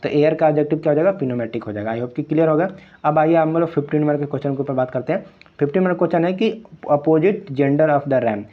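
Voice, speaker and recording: A man's voice: a little high, highs cut off. Male tutor going through quiz answers. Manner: explanatory, repeats phrases, mixes English terms into Hindi. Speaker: exam prep teacher.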